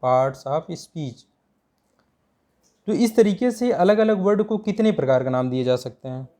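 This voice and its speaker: A man with an Indian accent teaching a grammar lesson, answering his own rhetorical questions and repeating key words slowly. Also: a little high, animated, dark tone. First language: Hindi. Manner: asks rhetorical questions and answers them himself. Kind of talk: grammar lesson explained in Hindi.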